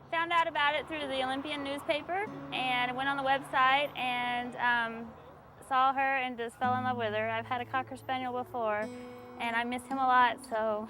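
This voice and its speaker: A woman's voice: high voice, poor audio. A woman from Texas, interviewed as she adopts a dog, apologizing and fighting back tears as she talks. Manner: tearful, apologetic, laughing through emotion. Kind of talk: emotional interview.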